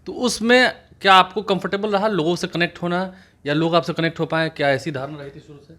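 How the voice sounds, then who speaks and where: A man's voice: on the high side, steady tone, a little fast, sharp tone. A man interviewing a guest for a news channel, pressing him with follow-up questions.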